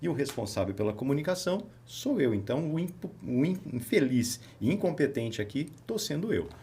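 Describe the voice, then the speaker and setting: A man's voice: mid-range voice, a little fast. A man with a Brazilian accent hosting a casual podcast chat as a therapist, telling stories and acting out his talks with patients. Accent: Brazilian Portuguese. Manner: animated storyteller, acts out dialogue with patients.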